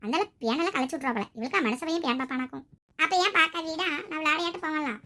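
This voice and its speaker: A woman performing several village characters in a comedy skit, bantering and scolding quickly. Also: sits high, pushed and bright. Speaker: sketch performer.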